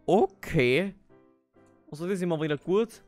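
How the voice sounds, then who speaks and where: A man's voice: a little high, animated, normal speed, a little mellow, dry recording, faint music behind. A man with an Austrian accent playing a Minecraft role-play, talking with many hesitant fillers and breaking into panicky yelps. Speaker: gamer.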